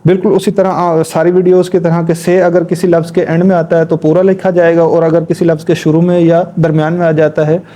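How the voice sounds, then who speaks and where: A man teaching how to write letters in a patient, step-by-step lesson. His voice sits fairly high for a man and has a dark, mellow tone. He spells each word out slowly and repeats it while he demonstrates the strokes. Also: flat delivery, slight background noise. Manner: talks while demonstrating at a board. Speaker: Urdu writing teacher. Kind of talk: instructional lesson.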